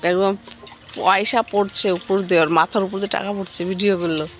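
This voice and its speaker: A woman vlogging about her morning at home with a hoarse voice, chatting to viewers and coaxing her young son along. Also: medium pitch, fairly even intonation, brisk, a bit bright, slight background noise. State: hoarse, worn-down voice. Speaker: vlogger and mother. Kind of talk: casual daily family vlog. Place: at home, partly outdoors on a foggy morning.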